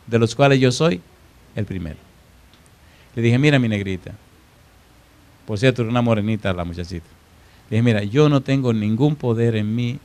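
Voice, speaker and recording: A preacher with a lowish voice relates a story from the pulpit, swinging dramatically between booming and quiet moments and posing questions to the people in the pews.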